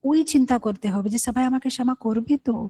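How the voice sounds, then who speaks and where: A woman gives a devotional scripture class, telling stories and slipping into the voices of the people in them. Her voice sits fairly high but sounds mellow and warm. The recording is dry and close. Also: fast talker, husky, no room sound, low-quality recording. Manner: storytelling, acts out quoted voices with English words mixed in. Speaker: preacher giving a scripture class.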